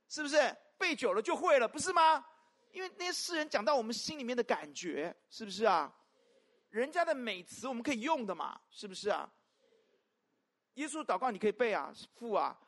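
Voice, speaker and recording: A pastor preaching a sermon to a congregation, peppering it with rhetorical questions and swinging between loud emphatic calls and soft asides. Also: mid-range voice. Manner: animated, constant rhetorical questions to the listeners.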